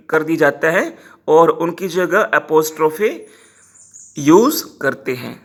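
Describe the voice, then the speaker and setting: Indian English teacher, male, somewhat high voice, unhurried, models each English word with care. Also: a bit bright. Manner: explains in Hindi, slowly models English words. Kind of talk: Hindi-English pronunciation lesson.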